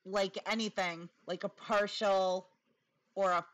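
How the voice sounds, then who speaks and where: A woman's voice: mid-range voice, steady tone, takes it slowly, highs cut off. A woman giving casual, opinionated commentary in a blunt, sarcastic way, with a lisp and a whistling s. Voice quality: lisp with whistling s from new dental appliance.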